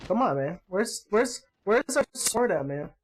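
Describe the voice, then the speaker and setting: A man hosting his gaming channel, giving excitable gameplay commentary, yelping and groaning at the action and swapping in mild words for swearing. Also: sits high, a little slow, faint music behind. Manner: excitable, yelps and groans at the game.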